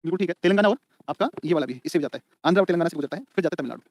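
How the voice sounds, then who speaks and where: This man's voice is a little high and expressive, and he talks rapid-fire through an exam-prep lecture, repeating every point over and over for students to write down. He's colloquial, addressing them as beta and bhai. The sound is clean studio quality with no room sound.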